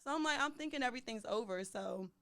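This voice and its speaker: A young woman co-hosting a podcast, telling a story in casual chat, animated and laughing as she goes. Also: on the high side, fast, no room sound. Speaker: podcast co-host.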